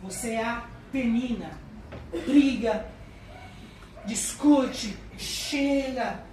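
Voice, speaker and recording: A woman with a Brazilian accent giving a humorous motivational talk to an audience. She is chatty and animated and acts out voices. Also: a little high, very slow. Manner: chatty, tags lines with "né". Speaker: lecturer. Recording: echoey, mic far off, background noise.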